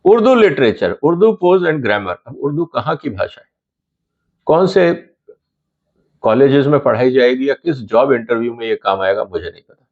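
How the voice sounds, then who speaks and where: A man's voice: medium pitch, animated, normal speed, phone-quality sound. A middle-aged man hosting his own channel, giving explanatory commentary to camera and asking viewers pointed rhetorical questions.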